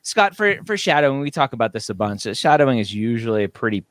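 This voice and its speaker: A man's voice: medium pitch, very animated, fast, fairly bright tone. A man hosting a podcast, chatting casually, laughing often and reading out listener questions. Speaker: podcast host. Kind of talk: casual chat.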